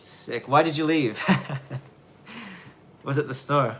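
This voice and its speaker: On a live stream, an Australian man in his thirties casually answers viewer questions in a blend of Australian and London accents with a hint of Irish twang. His voice sits on the high side, with lively intonation, a fairly bright tone and a faint hiss or hum. He rambles and keeps restarting sentences to correct himself, while deliberately speaking clearly.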